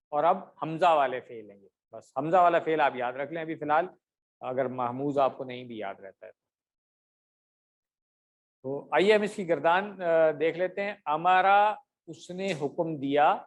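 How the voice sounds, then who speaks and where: A man with a slightly raised pitch teaches an online class through a computer microphone. He speaks patiently and pauses often on fillers. He draws out each drill word slowly for his students to repeat. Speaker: Arabic grammar teacher. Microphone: computer mic on a video call with camera off.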